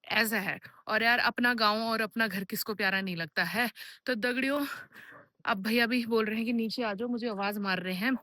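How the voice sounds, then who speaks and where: चहकती, खनकती आवाज़ वाली गढ़वाली युवती vlogger. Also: female voice, on the high side, moderate pace, bright, forceful tone, no echo. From Garhwal, Uttarakhand. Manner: chatty, addresses viewers as friends. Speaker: vlogger. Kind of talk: casual travel vlog.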